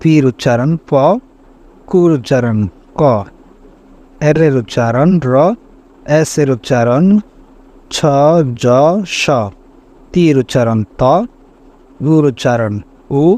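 A man teaching a language lesson, reciting letters and syllables slowly and deliberately, one at a time. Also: mid-range voice, dark tone. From Bangladesh. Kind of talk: slow spelling drill lesson.

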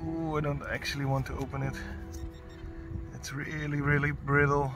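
A man giving excited casual commentary outdoors in a field as a metal detectorist, often whooping and laughing. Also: fairly high pitch, normal speed, over music.

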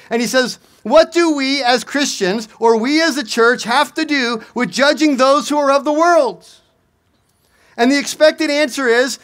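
A middle-aged pastor with a fairly high, slightly bright voice preaches from an outdoor lectern into a stand mic, repeatedly asking rhetorical questions and driving his points home through repetition.

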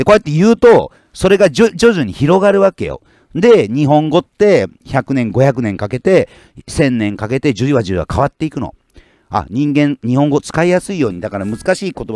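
A man's voice: mid-range voice, darkish tone, no echo, studio quality. A man, ranting casually as a fishing YouTuber and bluntly scolding his commenters, with many rambling fillers. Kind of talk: casual rant reading out viewer comments.

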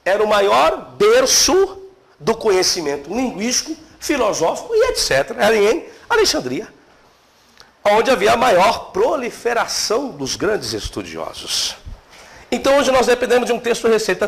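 A middle-aged man teaching theology in a seminary classroom, lively and questioning his students. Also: sits high, normal speed, creaky. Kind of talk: classroom lecture.

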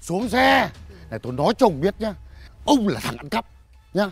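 A man's voice: high voice, very animated, moderate pace, creaky, husky, full character voice. An actor playing an aggrieved, hot-headed man who feels cheated, talking indignantly. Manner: indignant, demanding. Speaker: comic actor. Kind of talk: comedy sketch acting.

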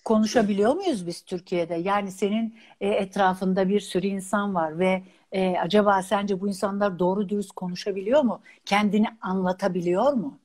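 A chatty woman with a medium-pitched voice moderates a casual live talk, peppering her guest with questions and quick interjections. She speaks through a phone on a live stream. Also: fairly even intonation, a little mellow. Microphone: phone on a live video stream.

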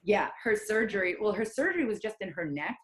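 A woman's voice: mid-range voice, sing-song, a little fast. A woman hosting an interview, talking casually and gratefully about a practitioner who helped her family.

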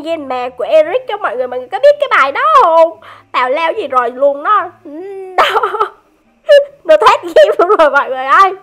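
A woman with a very high, bright-sitting voice commentating a game. She is excited and teasing, chatting to her viewers between bursts of laughter. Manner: addresses viewers directly. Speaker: gaming YouTuber.

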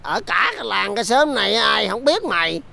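An actor playing a mocking, hot-headed drinking buddy in a comic TV folk-tale drama. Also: male voice, sits high, animated, a little fast, gravelly, pushed and bright, heavily acted. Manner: teasing, provoking. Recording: soundtrack music behind the voice.

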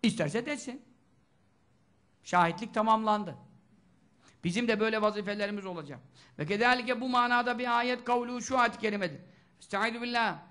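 A man delivers a religious lesson in a strikingly high voice with a bright, forceful edge. He preaches with fervor, swinging between loud exhortation and near-whispers, and breaks into melodic chanting of scripture. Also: fairly quick, long pauses. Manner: chants Quranic verses in melodic recitation. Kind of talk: sermon lesson.

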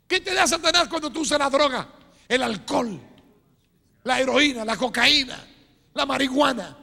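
A man preaching a fiery sermon as a pastor, dropping low and then shouting, often calling out to his listeners as brother. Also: creaky. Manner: fiery, swings between low asides and shouted cries; calls listeners "hermano" again and again. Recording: long hall reverb.

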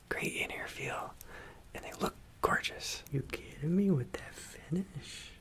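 A man's voice: fairly high pitch, pushed and bright. A man in his thirties reads an ad in a casual, playful ASMR whisper, close to the microphone. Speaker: sponsored ad reader. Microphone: close studio microphone on a desk.

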